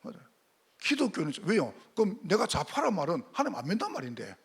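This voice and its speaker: Animated gravelly-voiced pastor preaching. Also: male voice, high voice, fast. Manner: animated, rhetorical questions to the congregation. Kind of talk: sermon.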